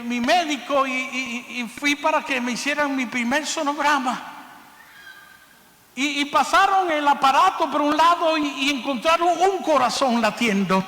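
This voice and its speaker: A man voicing a frantic, overjoyed woman caller in a high, breathless voice that turns to shouting. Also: full character voice. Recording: echoey hall, faint noise.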